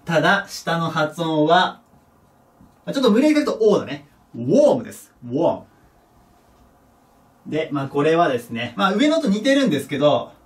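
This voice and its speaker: Lively Japanese man teaching, slightly distant. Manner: lively, drops to a low murmur for example words. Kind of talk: recorded English pronunciation lesson. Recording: voice a bit distant from the mic.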